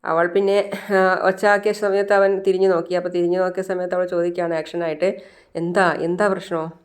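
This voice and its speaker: Woman, storyteller, casual retelling, slightly low pitch, chatty. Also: level tone, fast talker, darkish tone. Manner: chatty, with fillers.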